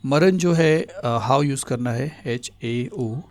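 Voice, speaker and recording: Guy tutoring, lots of uh's, mid-pitch voice, dry close sound. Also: takes it slowly, darkish tone, dry recording. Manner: hesitant, many filler sounds. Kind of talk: explaining a memory trick lesson.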